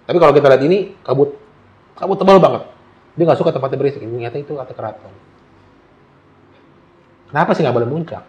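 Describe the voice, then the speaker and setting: A man's voice: medium pitch, quick pace, long pauses. A man telling a story in casual conversation, acting out the dialogue. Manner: animated, acts out dialogue. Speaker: guest storyteller.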